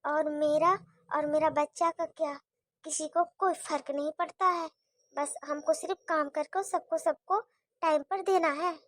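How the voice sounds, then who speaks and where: A woman's voice: very high voice, fairly even intonation, normal speed, no echo. A woman voicing a tired young wife and mother who pleads and defends herself in a cartoon story. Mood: grumbling. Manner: pleading, defensive, soft complaining. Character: weary put-upon young wife with children.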